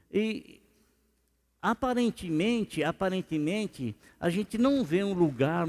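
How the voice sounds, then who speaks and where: Male pastor, higher voice, chatty questioning sermon, echoing church. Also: darkish tone. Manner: conversational preaching with rhetorical questions. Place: church sanctuary. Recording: reverberant church hall.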